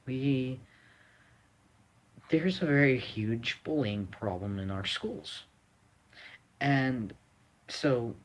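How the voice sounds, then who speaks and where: A young man from the United States giving a rambling, blunt opinion monologue, full of fillers and restarts. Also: medium pitch. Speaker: vlogger.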